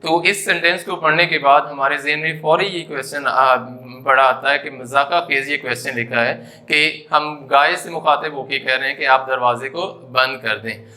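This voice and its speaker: Guy teaching a grammar class, really bright voice, pitch a bit high, keeps repeating stuff. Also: steady tone, moderate pace, few pauses. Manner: explanatory, mixes English terms into Urdu; repeats points with frequent "जी" and "तो".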